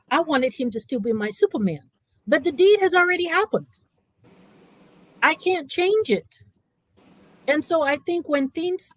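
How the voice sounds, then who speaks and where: A woman with a fairly high voice speaks on a panel in a close, dry recording. She gives personal testimony with feeling and emphasis, often checking in with short tag questions. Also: no echo, low-quality recording. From born in California, raised in Africa.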